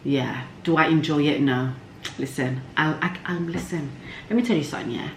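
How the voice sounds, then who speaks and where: With a low-pitched voice at a moderate pace, a woman from Somalia talks casually to her audience in a cheeky, slangy, candid vlog-host style. Faint background noise and room echo colour the recording.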